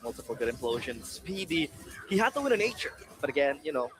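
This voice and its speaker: A man's voice: fairly high pitch, very animated, fast, fairly bright tone, rough recording. A young man working as an esports caster on a live analysis desk, talking through plays and joking with his co-hosts. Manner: playful, jokey banter.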